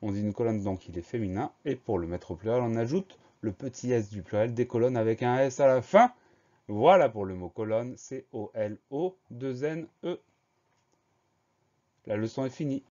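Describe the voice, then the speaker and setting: A man teaching a spelling lesson, slowly and deliberately spelling words letter by letter for dictation. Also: medium pitch, mellow. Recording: dull lo-fi recording.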